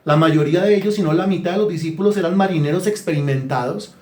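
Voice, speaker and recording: Male pastor, animated colloquial sermon, high-pitched, roomy hall sound. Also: fast talker. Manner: animated, colloquial preaching with rhetorical questions. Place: church hall.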